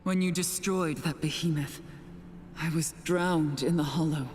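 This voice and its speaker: A woman's voice: low voice, a little slow, a little mellow, a little hiss or hum. An actress playing a sorrowful, haunting female ghost who speaks solemn warnings in a fantasy video game. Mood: ominous, urgent. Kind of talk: dramatic video game voice acting. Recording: long ghostly reverb, faint music behind.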